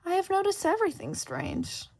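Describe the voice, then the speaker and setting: Woman voicing a high, teasing Cheshire Cat. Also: huge pitch swings, moderate pace, a little mellow, full character voice. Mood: sly, airy. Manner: playful, airy, knowing. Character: grinning, teasing female Cheshire Cat, eerie and mad.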